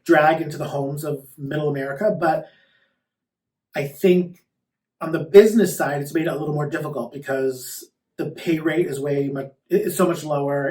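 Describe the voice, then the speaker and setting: Sassy male drag queen, fairly high voice. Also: darkish tone. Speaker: drag queen performer being interviewed. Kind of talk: casual interview chat. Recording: roomy echo, distant microphone.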